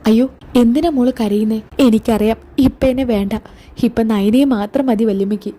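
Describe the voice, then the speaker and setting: A woman's voice: a little fast, warm tone, close to an everyday voice. A woman voicing a jealous young married woman, whiny and accusing. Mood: hurt. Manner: whiny, accusing, raised pitch.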